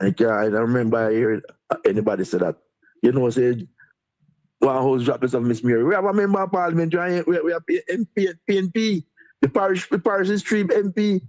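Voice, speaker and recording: High-voiced Jamaican deputy mayor. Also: male voice, a little fast, darkish tone, dull audio. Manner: repetitive, rambling, chuckles nervously. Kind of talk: interviewed on a live stream.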